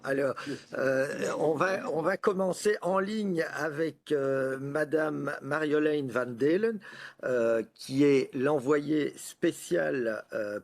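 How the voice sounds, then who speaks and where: A man moderating a panel, introducing speakers in an unhurried way with informal asides and many fillers. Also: medium pitch, darkish tone.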